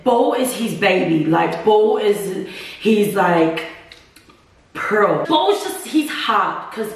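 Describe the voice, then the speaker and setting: A woman's voice: medium pitch, sing-song, takes it slowly. A young woman co-hosting a vlog, telling stories in casual chat while eating, laughing often. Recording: echoey room, mic at a distance.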